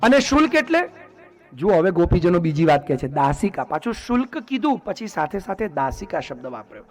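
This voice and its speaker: A man with a high voice preaches a devotional discourse. He keeps turning to his listeners with questions and then answers them himself. Faint music plays underneath. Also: sing-song, brisk. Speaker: religious discourse speaker. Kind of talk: devotional sermon.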